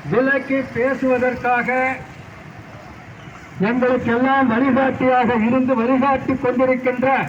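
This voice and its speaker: A man addressing a street protest as a party speaker, delivering a political speech in slow, measured oratory. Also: very high voice. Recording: dull lo-fi recording with faint street noise.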